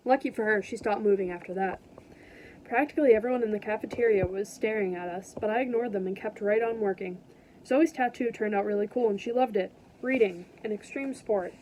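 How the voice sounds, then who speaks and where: A woman teacher reading a book aloud to her students from home, then talking to them gently. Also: medium pitch, a little fast, a little hiss or hum, rough recording. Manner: gentle, caring sign-off to students.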